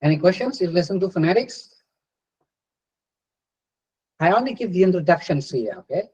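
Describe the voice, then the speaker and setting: A man's voice: sits high, lively intonation, normal speed, darkish tone, breathy edge, muffled recording. A middle-aged man with an Indonesian accent giving a university lecture, often repeating words and ending points with "yeah". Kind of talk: online class lecture.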